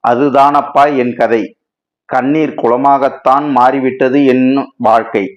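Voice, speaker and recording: Man reading as an anguished impassioned writer, lamenting, storybook, mid-pitched, dull lo-fi sound. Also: fairly even intonation, takes it slowly, natural voice. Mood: grieving. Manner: lamenting, dramatic and wordy. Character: anguished male writer, grief-stricken and impassioned.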